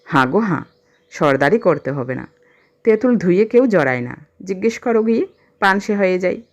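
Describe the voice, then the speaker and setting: A woman's voice: deep voice, lively intonation, moderate pace, creaky. A woman voicing a shy young village wife who scolds her husband in jest. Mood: scolding. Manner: mock-scolding.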